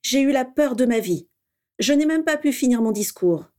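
A woman's voice: high voice, lively intonation, moderate pace, a little mellow, voice pushed up. A woman voicing a bitter middle-aged male politician in a read-aloud story. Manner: bitter, rattled.

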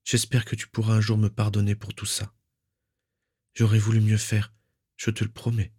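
A man voicing a tender, broken mother who murmurs gentle words to her daughter. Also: on the low side, monotone, moderate pace, breathy edge.

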